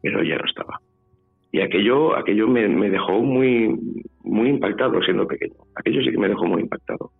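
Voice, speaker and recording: This Spanish-accented man from Spain speaks briskly in a lowish voice that's creaky and slightly rough. He's a guest in a phone interview sharing a personal story, hesitant and prone to repeating himself, over a tinny line with faint music.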